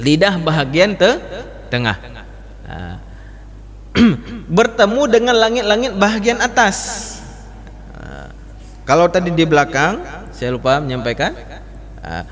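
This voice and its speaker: Man, teaching in a mosque hall, lively pitch, echoing. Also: slow pace, long pauses. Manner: addresses class as Pak, demonstrates letter sounds repeatedly. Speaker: Quran recitation teacher. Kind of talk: mosque study class.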